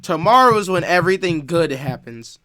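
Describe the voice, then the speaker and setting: A man's voice: fairly high pitch, very animated, a little fast, background noise. A male streamer making sarcastic, mocking asides while watching a show. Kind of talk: casual stream commentary.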